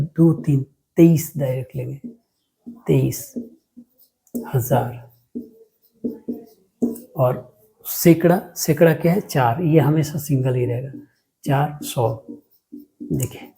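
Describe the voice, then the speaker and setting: A maths teacher talks through a lesson in a gravelly, mellow voice. The teacher keeps asking a question and then answering it, and often repeats the same word. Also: mid-range voice, low-quality recording. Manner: mixes English words into the explanation. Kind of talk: classroom lesson explanation.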